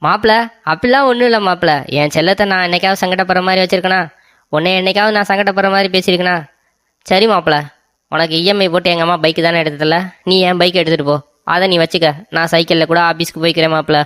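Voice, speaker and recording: A voice actor playing a spineless young husband in an animated story, fawning over and soothing his wife. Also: mid-range voice, fast, clear, resonant tone, no room sound, clean studio sound, lightly acted. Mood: doting.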